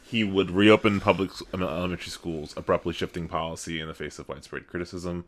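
A man with a low voice co-hosts a podcast from his home study, talking fast with fairly even intonation. The chat is casual and loose, and he hesitates often, filling gaps with "um."

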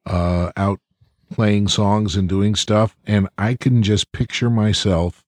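A man with a low voice talks eagerly on a podcast, telling a story. The recording is dry and close, with no room sound. His delivery is relaxed and chatty. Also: takes it slowly, no echo. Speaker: podcast co-host. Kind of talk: casual chat.

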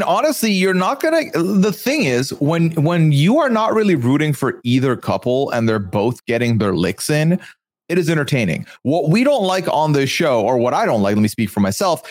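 A male podcast host talks through a recap in a loose, rambling way, often breaking into chuckles. His voice moves around a lot in pitch and sits a bit above the usual for men. The recording is close and dry. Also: dry recording. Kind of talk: casual recap chat.

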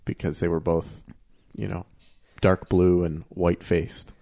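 A man co-hosting a casual gaming podcast, playful and joking, and prone to loud shouts. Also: sits low, level tone, unhurried, vocal fry. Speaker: podcast co-host.

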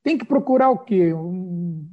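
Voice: medium pitch, lively intonation, unhurried, highs cut off. A podcast host interviewing a guest, reacting with short surprised interjections and asking questions.

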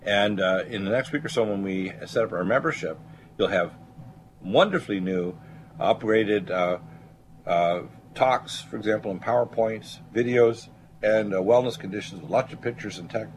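A man with a fairly low voice hosts a talk show in an unscripted monologue. He sounds self-assured and pitches things like a salesman. There is faint noise on the recording. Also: normal speed. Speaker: talk show host and doctor.

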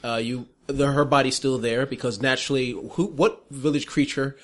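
A man improvising narration as game master of a tabletop game in a casual, excitable style. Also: medium pitch, normal speed.

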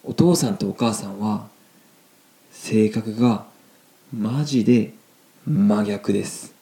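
A young man with a Kansai accent teaching Japanese phrases in a relaxed, chatty lesson, full of fillers. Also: on the low side, slow pace. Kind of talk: casual language lesson.

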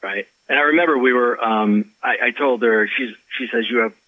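An author and life coach, speaking fairly quickly in a mid-range voice, shares a personal story in an interview. He is animated, acts out quotes, and often starts sentences over. There is no room sound, and the quality is slightly dull and lo-fi.

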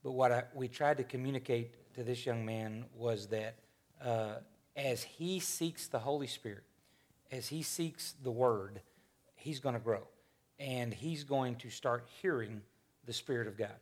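A man's voice: medium pitch, measured pace. A man in his fifties leading a church panel discussion in a folksy, rambling way, often restarting his sentences. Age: 50s. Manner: rambling, self-correcting, folksy.

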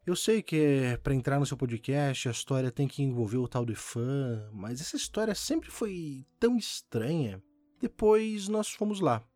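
A man's voice: medium pitch, sing-song, moderate pace, a little mellow, no room sound, soft background music. A man hosting a podcast, reading a listener's horror story aloud with dramatic rises and falls for suspense. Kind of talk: scripted horror story narration.

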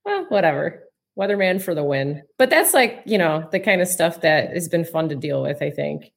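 Animated lower-voiced woman telling stories. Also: moderate pace, vocal fry, breathy edge. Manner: animated storyteller, laughs often. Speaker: cybersecurity guest. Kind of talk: casual conversation.

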